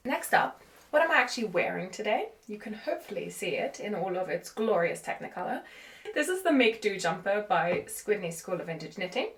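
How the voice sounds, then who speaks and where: A woman's voice: mid-range voice, brisk. Chatty woman recording on a phone in an echoey room. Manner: chatty, animated, self-deprecating. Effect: recorded on a phone camera. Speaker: podcast host. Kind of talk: casual chatty vlog. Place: room in an old country cottage, indoors. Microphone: phone camera.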